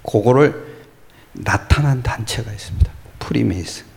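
A man preaching as pastor uses a lowish voice with vocal fry at a moderate pace. His delivery swings from loud to hushed, and he responds to his own rhetorical questions.

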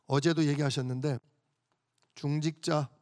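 A male pastor with a notably high voice delivers an emphatic, storytelling sermon. He keeps posing questions to the congregation and answering them himself. The sound is close and dry, with no room echo. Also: fairly even intonation, a little slow, darkish tone.

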